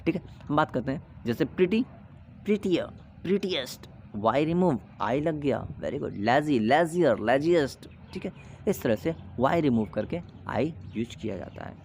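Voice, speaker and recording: A man teaching an English grammar lesson, explaining in Hindi and reading English rules slowly, with an Indian accent. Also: fairly high pitch, animated, a little mellow, slight background noise.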